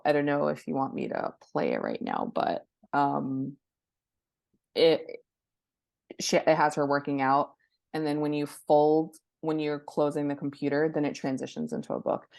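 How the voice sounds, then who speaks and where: Her voice sits low, creaky and a little mellow, with a sing-song lilt and an unhurried pace, recorded without echo. She's a guest expert being interviewed, a publishing professional and influencer, chatting casually and offering practical examples and step-by-step tips from indoors by a window at her laptop.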